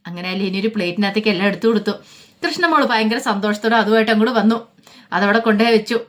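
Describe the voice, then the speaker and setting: A woman telling a family story, voicing each character's lines herself. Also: quick pace. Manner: voices each family member with small pitch shifts. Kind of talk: storytelling narration with voiced dialogue.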